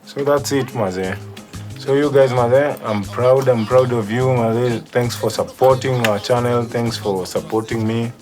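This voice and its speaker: A man's voice: mid-range voice, steady tone, measured pace, a little mellow. A man with a Kenyan accent giving a casual studio walkthrough as a music producer, switching between languages. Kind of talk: casual studio walkthrough mixing English and Swahili.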